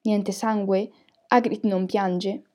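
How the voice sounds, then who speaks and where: A woman's voice: mid-range voice, steady tone, takes it slowly, natural voice. Woman doing a misty, theatrical seer teacher. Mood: sweet, coaxing. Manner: sweet and hushed, turning harsh and loud in trance. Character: eccentric female divination teacher, misty, theatrical.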